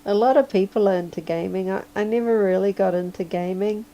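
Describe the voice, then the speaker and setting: A woman chatting casually on a livestream while drawing, hoarse and sleepy, rambling and chuckling often. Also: mid-range voice, brisk, warm tone, muffled recording. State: hoarse, losing her voice. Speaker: livestreaming digital artist.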